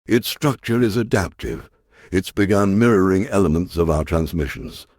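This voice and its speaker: A man voices an earnest, resolute science professor in a sci-fi audio drama, sounding convinced. His husky voice sits low and is a little mellow, his delivery deliberate yet animated. The recording is clean studio sound with no room tone.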